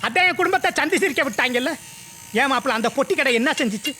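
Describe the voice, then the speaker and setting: High, quick, whining loser of a husband, bright tone. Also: male voice, expressive, a little hiss or hum, exaggerated voice. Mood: ranting. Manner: whining, ranting. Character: self-pitying, ranting shopkeeper husband.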